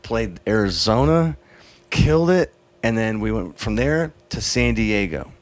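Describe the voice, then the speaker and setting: A man from Texas, a guest musician telling a lively story in a casual studio interview, swearing freely and acting out other people's lines. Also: on the low side, measured pace, dry recording. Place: recording studio.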